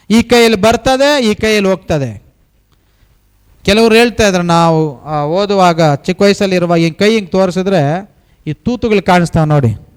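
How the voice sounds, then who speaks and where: High-voiced pastor preaching emphatically. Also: male voice, clean tone. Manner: preaching with many rhetorical questions to the congregation; repetitive, emphatic preaching cadence. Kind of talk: sermon.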